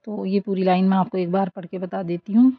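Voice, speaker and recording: A woman teaching prayer recitation online, who explains pronunciation and then recites the lines slowly and drawn out. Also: medium pitch, level tone, dry recording, phone-quality sound. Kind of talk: online tajweed lesson.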